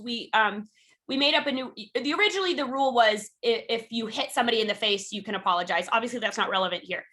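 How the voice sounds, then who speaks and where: A woman's voice: on the high side, bright, forceful tone. A woman teaching a self-defense workshop from her home over a video call. She speaks frankly and encouragingly with many "um" fillers, and calls out drill cues energetically. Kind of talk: live online workshop instruction.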